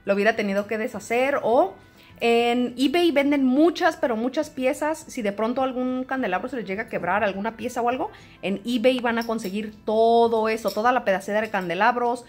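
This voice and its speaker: A woman, chatting to camera in a home vlog and telling stories in an animated way. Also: on the high side, brisk, faint music behind. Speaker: home vlogger. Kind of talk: casual chat to camera.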